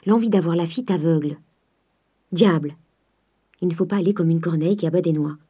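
A woman's voice: on the low side, brisk, warm tone, breathy edge. A woman voicing a cautious male notary lecturing his nephew. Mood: scolding. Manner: admonishing. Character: prudent middle-aged male notary, scolding.

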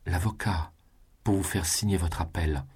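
A man voicing a passionate young noblewoman, speaking in sharp, rising outbursts. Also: low voice, fairly even intonation, moderate pace, husky. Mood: distraught.

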